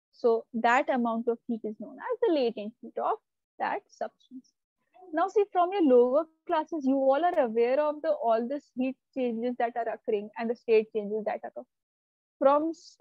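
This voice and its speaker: A woman's voice: sits high, warm tone, no echo, dull audio. A woman teacher, giving a live online lesson and explaining step by step while checking that her students follow. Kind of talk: live online class lecture.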